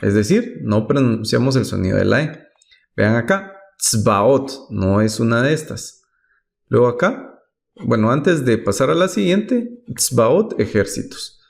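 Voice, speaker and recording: A man's voice: mid-range voice, lively intonation, a little slow, gravelly. A man teaching Hebrew pronunciation rules, patiently reading each example word and then translating it.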